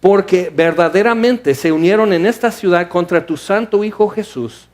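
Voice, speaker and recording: A man preaching a sermon, animated and rising to loud bursts of emphasis. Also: high voice, normal speed.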